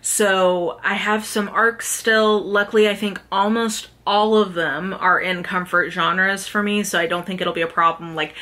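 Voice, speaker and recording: A woman with a medium-pitched, bright and forceful voice hosts a book vlog, reviewing books in a chatty, slangy way straight to camera and sprinkling in lots of "like."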